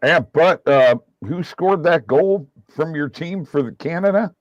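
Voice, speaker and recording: A man's voice: on the high side, a little slow, no echo. A man in casual sports chat on a remote call, his voice muffled as if heard through a wall. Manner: chatty, enthusiastic about hockey.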